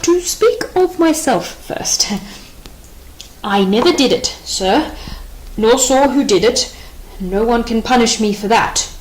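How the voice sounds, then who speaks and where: A woman reading the part of a nervous, rambling male soldier in an audiobook play, anxious and excitable in manner. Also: fairly high pitch, slow, rough recording. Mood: fearful.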